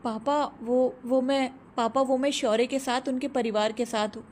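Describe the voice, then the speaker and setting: A woman's voice: fairly high pitch, steady tone, brisk, darkish tone, a little hiss or hum, natural voice. A woman voicing a nervous young woman who stammers while talking to her father. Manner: stammering, hesitant.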